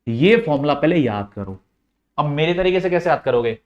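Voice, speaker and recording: A man's voice: on the high side, expressive, moderate pace, a little mellow, highs cut off. A male teacher working through a maths lesson step by step, coaxing and repeating the key points straight to his students.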